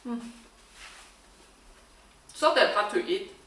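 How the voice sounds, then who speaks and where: Young woman cooking vlogger, chatty and self-mocking, bright voice, roomy kitchen sound. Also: mid-range voice, expressive, slow pace, recorded from a distance. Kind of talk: casual cooking vlog.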